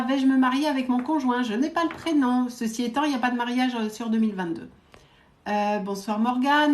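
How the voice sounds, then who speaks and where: A woman psychic medium giving quick readings to viewers during a live stream, direct and coaxing, often adding little verbal tags. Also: a little high, echoey room. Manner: brisk, direct, coaxing, peppered with "hein" and "euh".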